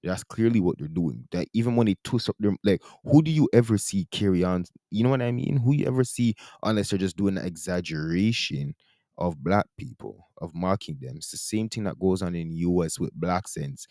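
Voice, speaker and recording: A man's voice: deep voice, expressive, fairly quick, dark tone, dry recording, studio quality. A man with a Caribbean-influenced Toronto accent, giving casual, opinionated commentary in emphatic, repetitive slang. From Toronto, Canada. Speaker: commentary video host.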